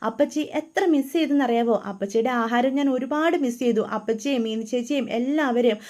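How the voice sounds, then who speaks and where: A woman's voice: fairly high pitch, fast talker, a little mellow, lightly acted. A woman voicing an affectionate young woman just back home, who asks eager questions one after another.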